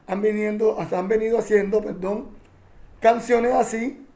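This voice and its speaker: A man's voice: sits high, steady tone, unhurried, mellow. A man, a champeta singer answering interview questions in an earnest, heartfelt way and often correcting himself.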